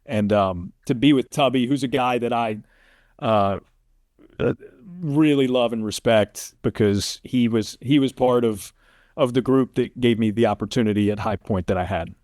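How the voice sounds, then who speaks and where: A sports announcer speaks as an interview guest, telling stories casually and frequently checking in with the listener. His voice is medium-pitched and darkish, delivered at a normal pace in a studio-quality recording with no room sound.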